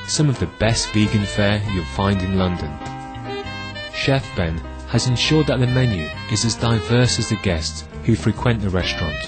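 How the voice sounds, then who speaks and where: A man reading a scripted voice-over narration in a smooth, measured way. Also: lowish voice. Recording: voice-over with guitar music behind.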